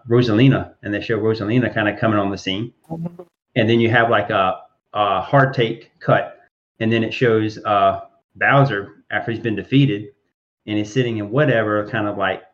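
A man co-hosting a casual podcast chat, describing an idea haltingly with many fillers. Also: fairly low pitch, fairly bright tone. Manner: halting, many fillers and restarts as he builds a scene. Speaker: podcast co-host. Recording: dull lo-fi sound.

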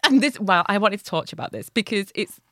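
A woman from Hull with a Hull accent, hosting a podcast in casual, animated, jokey storytelling chat. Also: medium pitch, fast, no echo, studio quality. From Hull, England. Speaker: podcast host telling a fairy tale.

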